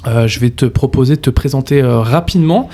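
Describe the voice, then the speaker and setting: Gravelly chatty male podcast host. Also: mid-range voice, fairly quick, warm tone. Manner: chatty, filler-heavy, enthusiastic slang. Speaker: podcast host, mortgage broker. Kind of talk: casual podcast interview.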